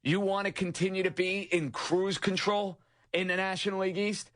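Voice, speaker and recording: A young man hosting an overnight sports talk radio show, delivering an energetic, emphatic monologue. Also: sits high, normal speed.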